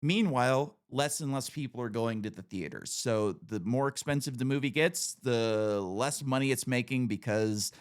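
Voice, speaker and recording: A man's voice: mid-range voice, normal speed, hardly any pauses, smooth. A man in his thirties hosting a casual podcast conversation, chatty and opinionated, leaning on "like" and "you know". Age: 30s. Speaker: podcast host.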